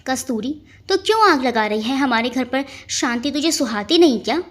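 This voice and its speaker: A proud, short-tempered older mother with a sharp, scolding bite, as a woman storyteller voices her. She snaps back loudly and lively, defending her son. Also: high voice, moderate pace. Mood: angry.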